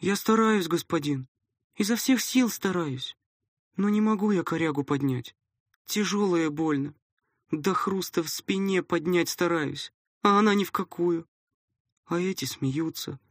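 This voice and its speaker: A man's voice: high-pitched, lively intonation, moderate pace, no room sound, clean studio sound, pitched above the performer's own voice. A man voicing a scrawny orphan boy who mumbles through a bloody nose, resentful and fierce under his tears. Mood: sullen. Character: skinny teenage orphan boy, sullen and wolfish.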